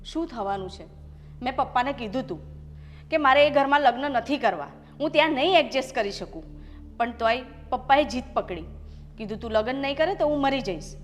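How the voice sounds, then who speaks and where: A woman playing a defiant, high-voiced young daughter. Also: expressive, fairly quick, slight background noise. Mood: upset. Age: young adult. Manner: upset, pleading and defiant. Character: proud, unhappy young married daughter. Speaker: doctor. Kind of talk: short-film family drama acting. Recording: long reverb with background music.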